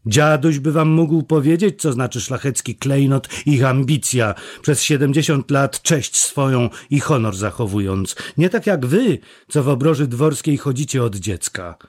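A man's voice: mid-range voice, very animated, measured pace, a little mellow, voice pushed up. Man putting on a scornful young village girl. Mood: scolding. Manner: mocking, scolding. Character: scornful young village woman, sharp-tongued and proud.

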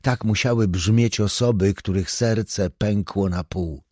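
A man reading a thriller audiobook in a measured, even storytelling manner. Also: on the low side, no echo, clean studio sound. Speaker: audiobook narrator. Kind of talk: scripted thriller narration.

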